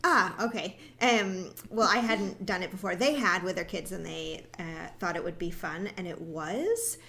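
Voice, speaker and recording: A woman from the American Northeast, co-hosting a podcast and telling animated stories in casual chat, often laughing. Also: fairly low pitch, moderate pace, vocal fry. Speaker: podcast co-host.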